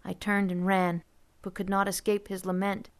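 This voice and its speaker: A woman narrating a first-person story as an audiobook, steady and vivid. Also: medium pitch, moderate pace, clean tone.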